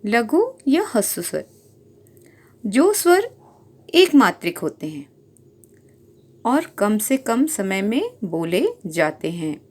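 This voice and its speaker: A woman's voice: mid-range voice, big pitch swings, takes it slowly, pauses often, darkish tone. A woman teacher giving a grammar lesson, explaining patiently, repeating points and drawing out example sounds.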